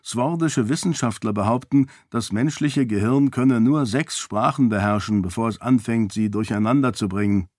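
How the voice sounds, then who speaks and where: A man's voice: mid-range voice, moderate pace, few pauses, darkish tone, no room sound, clean studio sound, natural voice. A man voicing a wry young cousin who tells stories with a straight face. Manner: wry, amused.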